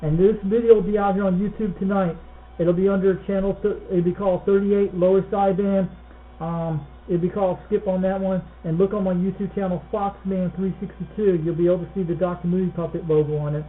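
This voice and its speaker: American guy calling out on cb radio, high voice, thin phone-like sound, repeats his calls. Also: level tone, brisk. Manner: repetitive call-outs. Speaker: CB radio operator. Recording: thin crackly CB radio, faint noise.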